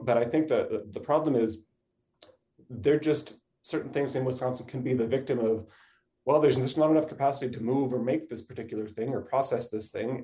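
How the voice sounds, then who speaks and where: Mellow-voiced man explaining as guest expert. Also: medium pitch. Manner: informal explaining, often checks with "you know" and "right". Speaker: academic supply chain expert, interview guest. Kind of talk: conversational expert explanation in a radio interview.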